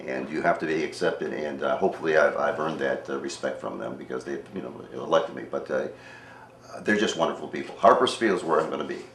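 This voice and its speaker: An older retired man from Cleveland, a township trustee talking earnestly and haltingly in a casual radio interview. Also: a bass voice, a bit bright. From Cleveland, Ohio, USA. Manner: earnest, halting, repeats words. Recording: echoey room with faint noise.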